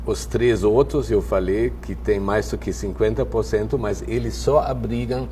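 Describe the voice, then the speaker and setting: A man in his sixties speaks in a low voice with a German accent, native to German. He argues bluntly and emphatically like a professor in a panel debate. Faint studio noise sits behind him. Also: fairly even intonation, a little slow, mellow. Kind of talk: opinionated panel discussion. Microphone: lapel.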